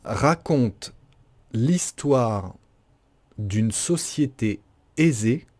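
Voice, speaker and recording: Man, dictation teacher, dictating, extremely slow, soft-edged mellow tone, deliberate articulation, spoken punctuation. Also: mid-range voice, animated. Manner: deliberate, carefully articulated, repeating each phrase.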